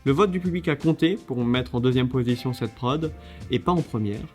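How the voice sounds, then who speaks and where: A man's voice: medium pitch, fairly quick. Chatty man with faint music. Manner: lively, chatty, with many fillers and restarts. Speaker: video creator judging a contest. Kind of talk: casual video commentary.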